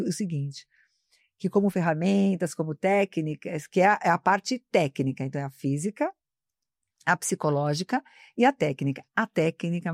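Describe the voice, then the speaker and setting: Her fairly low, slightly mellow voice comes across with studio quality and no room sound. A woman who teaches marketing, she is a guest on a live studio broadcast, explaining communication in a lecturing, instructive way and using the host's name.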